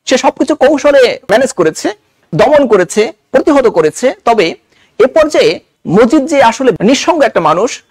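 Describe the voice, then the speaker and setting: Bangladeshi guy teaching a novel, high animated voice, reads bits in dialect and explains, very dry sound. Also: dry recording. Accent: Bangladeshi Bengali. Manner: reads quoted dialogue in village dialect, then explains it. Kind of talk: Bengali literature lesson, reading and explaining passages.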